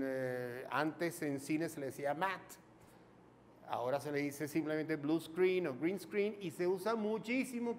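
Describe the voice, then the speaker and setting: A man's voice: on the high side, big-room sound, a little hiss or hum. A Venezuelan man teaching film lighting in a chatty, informal video lesson, asking himself questions as he explains. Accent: Venezuelan Spanish. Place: home studio in front of a green screen.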